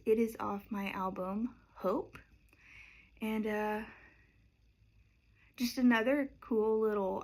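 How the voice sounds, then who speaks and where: A woman singer-songwriter chatting casually and unhurriedly between songs, rambling with lots of fillers. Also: medium pitch. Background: acoustic guitar.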